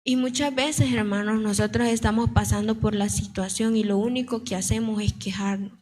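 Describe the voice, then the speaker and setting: A woman's voice: medium pitch, fairly even intonation, normal speed, a little mellow, slight background noise. A young woman from a church giving an earnest testimony to her congregation, repeating herself as she tells it, her throat still sore. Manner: earnest, repetitive storytelling. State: sore throat, slight cough.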